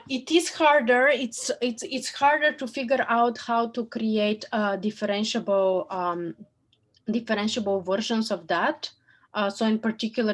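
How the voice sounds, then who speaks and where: A woman who is losing her voice, answering technical questions on a video call, with many fillers and restarts. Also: medium pitch. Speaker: tutorial presenter.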